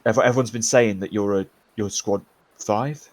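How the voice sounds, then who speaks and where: A man plays a shy, awkward young soldier who trips over his words and keeps apologizing. The voice sits fairly low and quiet, and his questions come out hesitant and halting. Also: fairly even intonation, dry recording, lightly acted. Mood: nervous.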